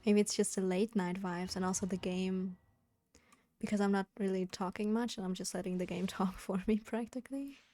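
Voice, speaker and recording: A woman live streaming a video game, chatting casually with viewers in a quiet voice kept down at home, sounding a little sleepy. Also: mid-range voice, little pitch movement, moderate pace. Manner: quiet, keeping voice down for a sleeping roommate. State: sleepy, yawning. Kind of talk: relaxed casual chat with viewers. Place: indoors at home. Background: game music.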